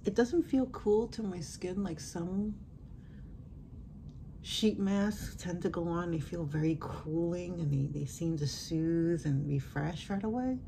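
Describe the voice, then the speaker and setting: A woman's voice: lowish voice, slow, gravelly, warm tone, a little hiss or hum. Chatty woman talking through a sheet mask. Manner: chatty, thinking aloud. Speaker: beauty vlogger. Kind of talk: casual product review.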